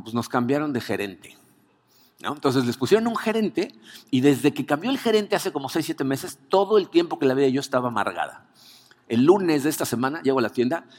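Man preaching in a reverberant hall. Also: mid-range voice. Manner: animated storytelling with rhetorical questions. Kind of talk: sermon.

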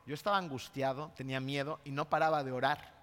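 A man's voice: medium pitch, fast talker, smooth. Mexican man preaching in a reverberant hall. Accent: Mexican Spanish. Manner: lively storytelling, often checks in with the congregation. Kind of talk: sermon with a personal story.

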